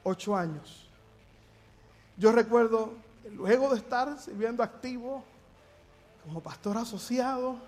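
A middle-aged Puerto Rican pastor preaching with an unusually high voice for a man. His Puerto Rican Spanish accent carries through an earnest, emphatic sermon delivery. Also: unhurried, long pauses, a little mellow. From Puerto Rico.

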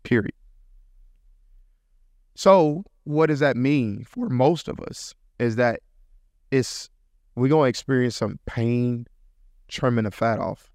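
A man's voice: mid-range voice, slow, pauses often, a little mellow, dry recording, studio quality. A man hosting a podcast, giving a casual motivational talk in slangy, repetitive, preachy phrasing, and acting out quotes now and then. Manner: preachy, repeats points, slangy, acts out quotes. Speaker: podcast host.

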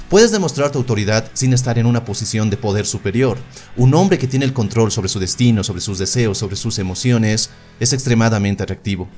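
A man delivering a scripted advice monologue as a dating coach, walking through numbered points and speaking straight to the listener. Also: mid-range voice. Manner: instructive, numbered points, direct address. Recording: faint guitar music behind. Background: soft guitar music.

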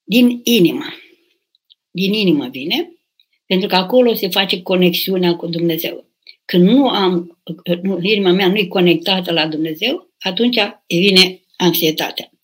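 On a live stream, an older woman who is an abbess takes questions from viewers, reading each aloud before answering. Her voice is lowish with a breathy edge, and her replies are urging and emphatic, punctuated by sudden raised tones.

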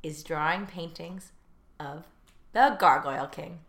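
A woman co-hosting a casual chat about a TV show. She talks in quick, chatty bursts full of fillers. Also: deep voice, vocal fry, a bit bright. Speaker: podcast co-host.

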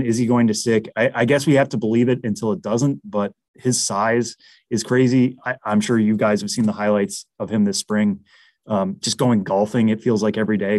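A man's voice: on the low side, a little mellow, no room sound. A man with a Massachusetts accent, analyzing baseball prospects in a casual interview, chatty with lots of fillers and restarts.

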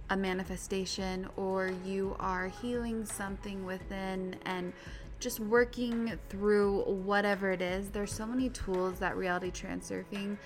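A woman with a standard American accent, giving a casual, chatty podcast introduction as host, with giggly, self-deprecating asides. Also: mid-range voice.

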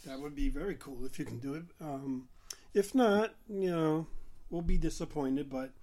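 A man hosting a casual interview for a film festival, speaking haltingly with many fillers. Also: on the high side, dark tone.

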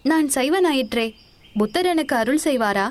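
A woman's voice: high-pitched, lively intonation, normal speed. A woman voicing a curious, teasing young male traveler in a storybook reading, asking questions in a mocking, wide-eyed way. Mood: anxious. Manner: mocking, inquisitive.

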